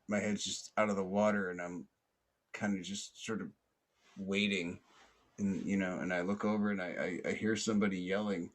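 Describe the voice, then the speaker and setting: Man with a lowish voice, podcast host, rambling storyteller. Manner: rambling, lots of fillers and restarts.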